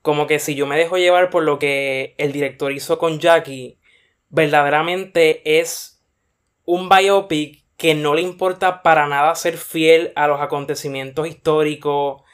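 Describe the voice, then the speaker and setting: Casting: measured man, podcast co-host, smooth and slightly high voice. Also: steady tone. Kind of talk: casual film discussion.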